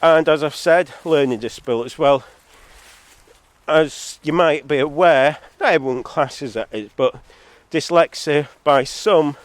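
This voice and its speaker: This congested man speaks at a measured pace with no room sound, arguing and wandering off on sardonic tangents in a vlog monologue. He was born in Zambia, lives in England, and works alone making videos. Recorded too hot on a phone or camera, the audio clips and distorts.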